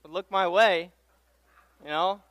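Speaking slowly in a high-pitched, fairly bright voice with no echo, a young adult from Tanzania delivers a guest sermon from the pulpit as a pastoral intern. He keeps things casual and self-deprecating, repeating phrases frequently in a conversational style.

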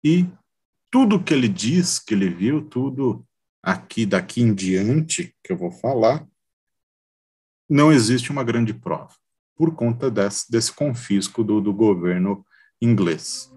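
A man's voice: medium pitch, animated, slow, darkish tone, breathy edge. A Brazilian man hosting a podcast, explaining a story informally, often searching for words and adding tag questions. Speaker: podcast host.

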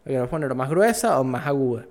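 A man co-hosting a casual gaming chat, telling stories in slangy, animated talk. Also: mid-range voice, fast talker. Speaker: podcast co-host.

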